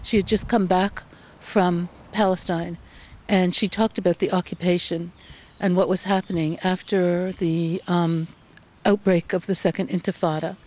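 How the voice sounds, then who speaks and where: Mellow-voiced woman journalist, measured. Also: lowish voice, fairly even intonation. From Canada. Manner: measured, thoughtful, frequent ums. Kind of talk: interview answers.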